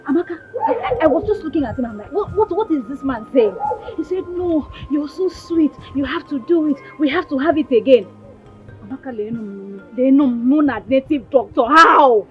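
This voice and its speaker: A woman's voice: high-pitched, lively intonation. An actress playing a frantic, angry young village woman, stammering as she vents. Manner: agitated, talks fast, stammers. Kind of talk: Nollywood film acting. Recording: dull film audio under music. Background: film score.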